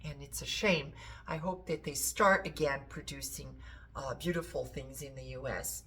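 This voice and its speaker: A woman's voice: deep voice, moderate pace, fairly bright tone, a little hiss or hum. A woman from Portugal with a Portuguese accent, chatting enthusiastically and rambling a little as she shows pieces from her shop. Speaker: antiques seller. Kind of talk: casual show-and-tell.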